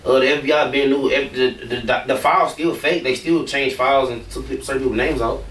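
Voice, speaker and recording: A man's voice: mid-range voice, steady tone, a little fast, a bit bright, echoey room, distant mic. Man, rambling interview talk, swears a lot, faint background hum. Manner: blunt, rambling, swears freely. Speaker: rapper.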